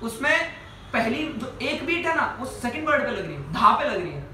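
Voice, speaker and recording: A man's voice: very high-pitched, sing-song, moderate pace, bright, forceful tone, a little hiss or hum. A man teaching a singing class, explaining patiently, checking with his students and breaking into song to demonstrate. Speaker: music teacher. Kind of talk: music lesson with sung examples. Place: indoor music class. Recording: roomy, distant mic, music behind.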